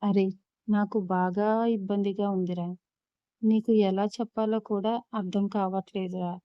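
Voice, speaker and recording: A woman storyteller voicing a pleading older sister who speaks in a coaxing, hushed way, on a dull lo-fi recording. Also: mid-range voice, flat delivery, measured pace, clear, resonant tone, no room sound, natural voice.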